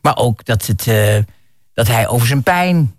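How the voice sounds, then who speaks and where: A man hosting a casual chat about songs, telling stories with many pauses and restarts. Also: mid-range voice, expressive, dry recording, clean studio sound. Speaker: radio host.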